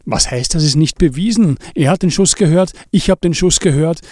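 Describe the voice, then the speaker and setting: A man's voice: a little high, moderate pace, a little mellow, no echo, studio quality, pitched above the performer's own voice, lightly acted. A man reading an audiobook, voicing an agitated adult man who keeps insisting in a raised voice. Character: excitable worried adult man.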